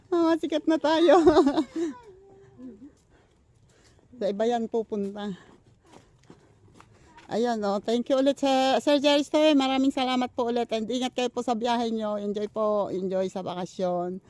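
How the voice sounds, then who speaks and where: A woman's voice: fairly high pitch, steady tone, normal speed, darkish tone. An older woman vlogging outdoors in the countryside, out of breath from walking and rambling with fillers as she thanks her supporters. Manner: rambling, many fillers and restarts while walking. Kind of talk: casual vlog thank-yous and chat.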